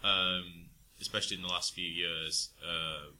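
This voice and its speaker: A deep-voiced man co-hosts a casual chat and rambles through his thoughts with plenty of ums and restarts. His tone is bright and a little sharp, and a faint noise runs under the recording. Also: flat delivery, a little slow. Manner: rambling, hesitant, many fillers. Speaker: podcast co-host.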